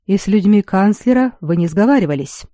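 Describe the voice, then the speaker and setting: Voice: medium pitch, expressive, a little fast, dark tone, no echo, clean studio sound, close to an everyday voice. A reader voicing a proud young male lord who speaks coldly and heavily in an audiobook. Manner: cold, clipped, heavy delivery. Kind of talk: audiobook character reading.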